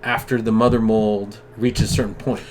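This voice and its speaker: A man's voice: fairly low pitch, flat delivery, normal speed. Man, enthusiastic co-host, slangy casual talk, faint noise behind. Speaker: comic book podcast co-host. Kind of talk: casual chat.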